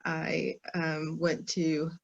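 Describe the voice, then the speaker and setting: A woman in her forties from Kentucky introducing herself on a video call in a relaxed, easygoing way. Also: low-pitched, drawn-out words, gravelly, muffled recording. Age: 40s. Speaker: panel participant. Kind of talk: personal introduction in a group conversation.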